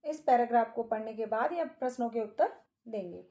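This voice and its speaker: A woman teacher walks through a Sanskrit exam paper, reading each line aloud and then explaining it. Her voice sits fairly high, with a mellow, soft tone and nothing sharp in it. She talks as a patient instructor. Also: brisk. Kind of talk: exam paper walkthrough lesson.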